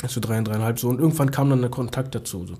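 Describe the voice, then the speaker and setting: Fast, husky man full of street slang. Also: mid-range voice, steady tone, dark tone. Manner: street slang, calls everyone "Bruder". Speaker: guest, wrestler. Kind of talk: casual chat.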